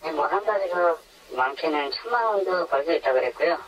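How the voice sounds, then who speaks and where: A man's voice: a little high, animated, brisk. A man in his twenties with an electronically disguised voice, recounting his experience as an anonymous interviewee on a phone call. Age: 20s. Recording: dull, narrow phone line on radio.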